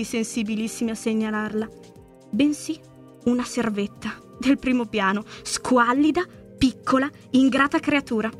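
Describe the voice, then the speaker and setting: A woman narrating a literary short story in a slow, measured, hushed manner. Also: a little high. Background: faint music.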